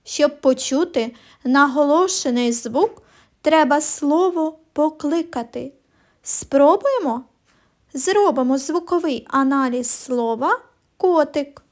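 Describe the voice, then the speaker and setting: A woman teaching a phonics lesson to young children, explaining sounds slowly and clearly in a sing-song way. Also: high voice, lively intonation. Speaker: primary school teacher.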